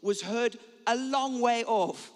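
A man preaching in English, pausing line by line for an interpreter, fervent and building in bursts. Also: very high voice. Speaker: guest preacher. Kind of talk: sermon with live interpreter. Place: church hall. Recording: long hall reverb.

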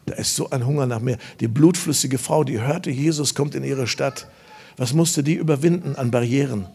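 Man, revival preacher, mid-range voice, emphatic storytelling, sudden loud bursts. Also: medium pitch, moderate pace, creaky, husky. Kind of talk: revival sermon. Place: church service before a congregation.

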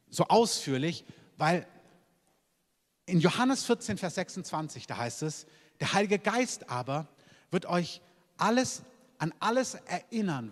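A man preaching a sermon as a pastor, emphatic, punctuating points with repeated calls of "Amen". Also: fairly high pitch. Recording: long hall reverb.

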